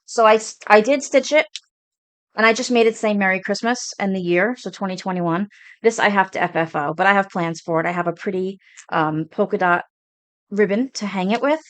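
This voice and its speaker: A woman's voice: medium pitch, a little fast, no echo. A woman in her forties with a Brooklyn accent, chatting casually and a little rambling as she shows her cross stitch projects on her home video channel. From Brooklyn, New York. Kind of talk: casual show-and-tell chat.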